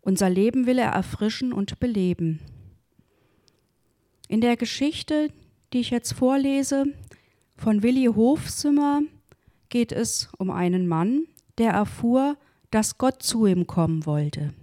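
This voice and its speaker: Slow, mellow woman reading a devotional story. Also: on the high side, animated, dry recording, studio quality. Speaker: devotional reader.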